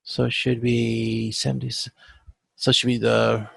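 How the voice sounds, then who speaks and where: With a completely flat delivery, this gravelly, mid-range-voiced instructor haltingly explains spreadsheet calculations for a supply chain management class, correcting himself and frequently asking "okay?". The informal lecture happens on an online video conference with screen share, and the recording is dry.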